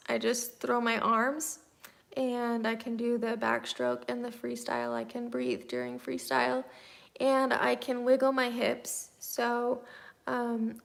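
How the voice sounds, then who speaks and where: Reading and answering viewer comments, a livestream host in her thirties keeps the chat easygoing. She has a fairly high, creaky voice with a bit of brightness.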